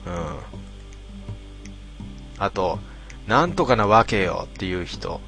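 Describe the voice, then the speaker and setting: A man casually reading out listener posts and answering each one with dry, deadpan remarks. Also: sits low, slow pace, gravelly, faint music behind. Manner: deadpan, wry retorts between readings. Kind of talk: casual commentary reading comments.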